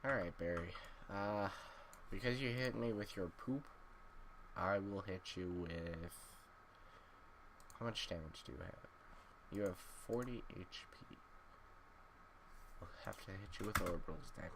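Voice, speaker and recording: A man's voice: deep voice, a little slow, pauses often, background noise. A man giving casual, wry gameplay commentary, sleepy and drowsy after just waking up. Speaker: gaming YouTuber.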